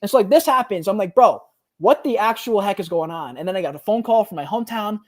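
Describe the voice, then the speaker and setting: A young man talks as a podcast guest, in a loose, slangy storytelling way. He acts out the other people in his story, and his pitch swings a lot as he does. He speaks in casual conversation rather than from a script. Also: fast talker. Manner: animated, slangy, says "bro" often, acts out quotes.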